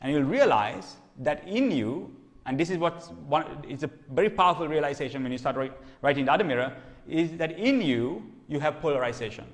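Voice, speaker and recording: Guy teaching a sermon, kinda high voice, lots of okay? and restarts, long hall echo. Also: expressive, brisk. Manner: conversational, checks in with frequent "okay?"; repeats and restarts phrases. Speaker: preacher.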